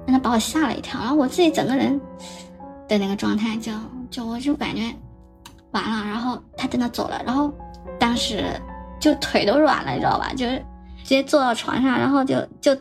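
A young woman recounts a personal story on a podcast, her voice sitting a little high. She speaks haltingly, repeating words as she retells old conversations. Faint music plays underneath.

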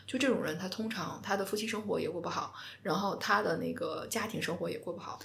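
A woman, co-hosting a casual podcast chat. She explains in a calm, steady voice, like a counselor walking through a case. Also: on the low side, fast talker, gravelly. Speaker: astrology co-host and counselor.

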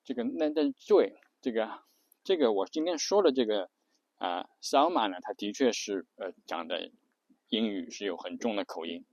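A man's voice: lowish voice, animated, moderate pace, darkish tone, no room sound, lo-fi sound. Hesitant male storyteller, dry sound. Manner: hesitant, many filler sounds. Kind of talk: casual storytelling.

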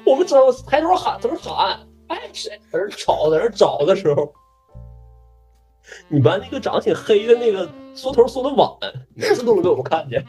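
A man's voice: high voice, big pitch swings, a little fast, darkish tone, faint music behind. A man with a Northeastern Chinese accent, co-hosting a podcast and teasing in casual chat. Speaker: podcast co-host.

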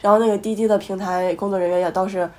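A woman in her twenties with a cold, co-hosting a podcast and telling a story in an animated way, with outraged retorts. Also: mid-range voice, quick pace. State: has a cold. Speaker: podcast co-host. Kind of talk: casual chat.

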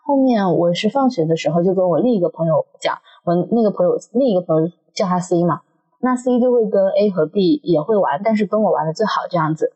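A woman co-hosting a podcast in casual chat, telling stories in an animated way and laughing often. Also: fairly low pitch, fast talker, breathy edge, muffled recording. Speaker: podcast co-host.

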